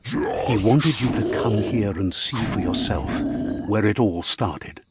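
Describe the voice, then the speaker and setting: A man playing the storyteller of a fantasy video game, narrating in a measured, dramatic, fable-like way with a husky voice. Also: on the low side, expressive, heavy background noise. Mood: solemn storytelling.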